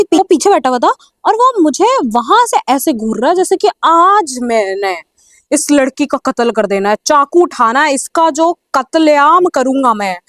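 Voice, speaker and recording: A young woman from India telling a personal story in a casual vlog style, animated and mixing Hindi with English. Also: on the high side, dry recording, clean studio sound. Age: young adult. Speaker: storyteller vlogger.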